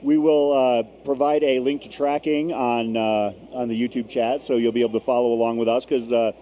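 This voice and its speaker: A man's voice: medium pitch, fairly even intonation, a little fast, mellow. A man hosting a live stream of an endurance race, giving conversational commentary. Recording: faint background noise from gym. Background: gym with runners gathering.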